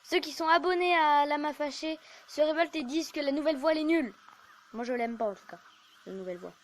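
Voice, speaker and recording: A woman's voice: high-pitched, fast. Chatty French-speaking woman gamer. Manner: chatty, rambling, self-mocking. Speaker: gaming YouTuber. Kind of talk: casual gameplay commentary.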